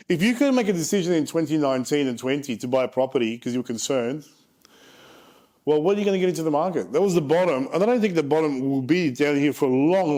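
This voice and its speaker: Presenting charts casually, a man in his forties works in property investment and keeps things frank with joking asides. He has a fairly high-pitched voice with a darkish tone.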